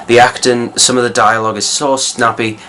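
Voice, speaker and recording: A man's voice: mid-range voice, little pitch movement, fairly quick, sharp tone, a little hiss or hum. A young man giving a casual, rambling spoken movie review, full of fillers and restarts. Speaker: film reviewer.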